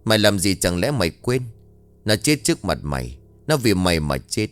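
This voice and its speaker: Menacing young fortune teller for an audio ghost story, low, harsh and hissing, read by a male narrator. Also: big pitch swings, moderate pace, soft background music. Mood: scolding.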